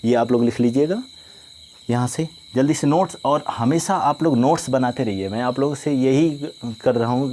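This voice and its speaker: A male teacher giving a grammar lesson, dictating definitions slowly and often asking if students follow. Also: mid-range voice, mellow, a little hiss or hum. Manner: slow, repetitive dictation with frequent "ठीक है ना?" check-ins.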